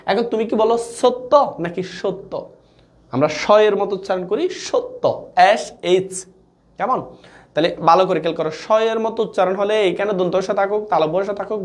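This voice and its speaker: A man teaching a live online class, coaxing his students, repeating key points and checking often that they follow. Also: sits high.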